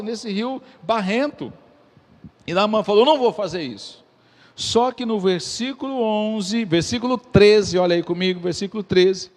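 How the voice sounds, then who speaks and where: A man with a Brazilian Portuguese accent preaches from the pulpit, his voice pitched high. He reads scripture, checks in with the congregation, and retells the story in vivid voices. A long church reverb trails each phrase. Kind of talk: sermon with scripture reading. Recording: echoey church hall.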